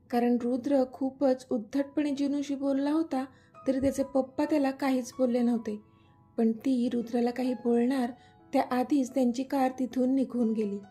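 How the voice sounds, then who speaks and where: A woman narrating a serialized family story in a steady, expressive reading. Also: fairly high pitch, husky. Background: soft background music.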